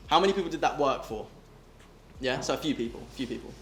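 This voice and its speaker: Male stage hypnotist, brisk and insistent, repetitive suggestions, recorded in an echoey room. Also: medium pitch, expressive, soft background music. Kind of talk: live group hypnosis demonstration, repetitive suggestion. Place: echoey room before a live group. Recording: echoey room, some background noise.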